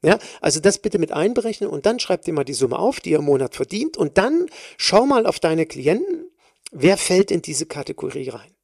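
A woman's voice: fairly low pitch, very animated, normal speed, creaky, darkish tone, slightly rough, dry recording, studio quality. A woman hosting a solo podcast, speaking as a personal trainer in an emphatic way, stressing and repeating words.

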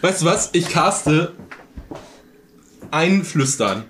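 A man's voice: fairly high pitch, lively intonation, takes it slowly, reverberant, noisy background. A brash, laughing male player. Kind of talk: casual tabletop role-play.

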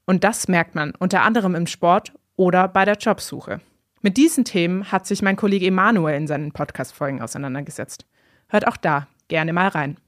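A woman hosting a podcast, reading scripted narration in a calm, even way. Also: lowish voice, dry recording, studio quality. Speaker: podcast host.

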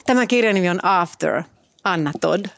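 A woman hosting a book-club podcast, chatty and quick to laugh as she prompts her guest. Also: fairly low pitch, animated, gravelly, no room sound. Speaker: podcast host. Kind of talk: casual podcast chat.

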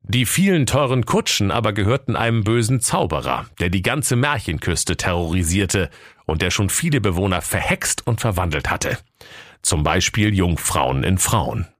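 A man narrating a comic fairy tale in a deadpan storytelling manner. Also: deep voice, normal speed, dry recording, studio quality.

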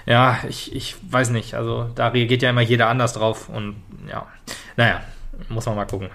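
A man's voice: medium pitch, flat delivery, normal speed, vocal fry, fairly bright tone. A man co-hosting a casual football podcast, talking hesitantly with many fillers and restarts. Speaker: podcast co-host.

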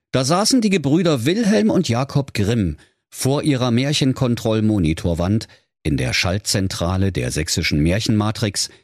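Lively Saxon man telling comic fairy tales. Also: fairly low pitch, dry recording, studio quality. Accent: Saxon German. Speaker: storyteller. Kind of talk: comic fairy-tale narration.

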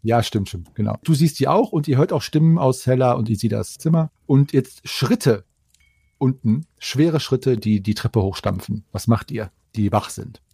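A man's voice: medium pitch, moderate pace, creaky, mellow, slightly rough, no echo, studio quality. A man narrating an improvised tabletop fantasy game as game master.

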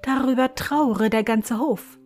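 High, eager countess from a storybook, done by a woman reader, faint music behind. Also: takes it slowly, a little mellow. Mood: earnest. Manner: higher, eager, pleading. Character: clever, kind griffin's wife, countess.

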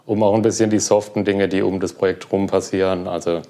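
A young man being interviewed, talking relaxed about his work with many fillers. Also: sits low, brisk. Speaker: guest, cloud platform engineer. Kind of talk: casual interview.

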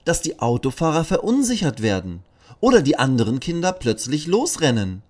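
A man voicing a patient female schoolteacher who gently admonishes a child in a children's audio story. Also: on the high side, sing-song, moderate pace, pitched above the performer's own voice. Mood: admonishing.

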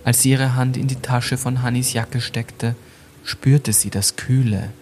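A man narrating a scripted ghost story for a mystery podcast, measured and suspenseful. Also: mid-range voice, a little mellow, slight background noise.

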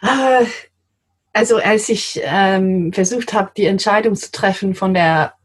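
English lady in her 40s chatting in german, husky bit breathy voice, lots of ums and little laughs. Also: mid-range voice, unhurried. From London, England. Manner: warm, giggly, hesitant with many fillers. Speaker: guest, translator. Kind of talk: casual interview chat.

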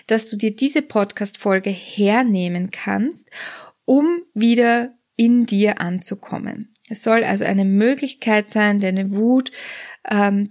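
Slow, creaky-voiced woman guiding meditation. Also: medium pitch. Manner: slow, soft, guiding body scan with questions. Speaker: podcast host and guide. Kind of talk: guided meditation.

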